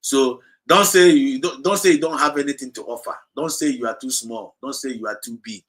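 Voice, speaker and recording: Hosting an impassioned livestream, this Nigerian-accented man speaks a little fast with a medium-pitched, slightly bright voice. He presses his listeners, restating his points and slipping back and forth between Igbo and English.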